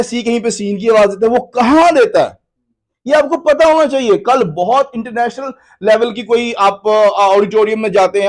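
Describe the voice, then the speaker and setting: A man teaching English pronunciation in a classroom lecture, loudly calling out letter sounds for the class to repeat. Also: high voice. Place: lecture room with a live class.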